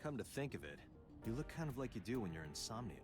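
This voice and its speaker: An actor playing a dry, skeptical, easily flustered detective in a video game, with a gruff, exasperated manner. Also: male voice, on the low side, very animated, fast talker. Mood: baffled, exasperated. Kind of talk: English video game voice acting. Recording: music behind the voice.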